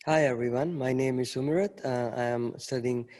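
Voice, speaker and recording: A man's voice: mid-range voice, fairly even intonation, moderate pace, a little mellow. A man, a law student ambassador, earnestly introducing himself with slightly non-standard phrasing. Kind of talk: brief self-introduction. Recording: long reverb in a large chamber.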